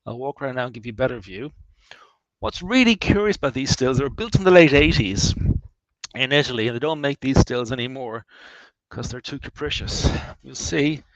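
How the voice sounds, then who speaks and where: A man with an Irish accent leading a guided tour of his distillery. He talks in a chatty, animated way, with wry asides and frequent restarts. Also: medium pitch, brisk, no echo, low-quality recording. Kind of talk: guided tour talk, answering questions.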